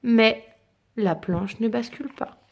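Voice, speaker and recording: Woman, higher voice, reading a children's story aloud, lilting, expressive, dramatic pauses.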